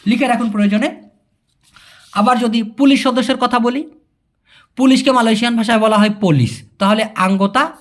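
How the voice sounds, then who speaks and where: A young man from Bangladesh teaching Malay in a casual way, answering viewer questions, chatty and repeating key words slowly. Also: high voice. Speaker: language teacher.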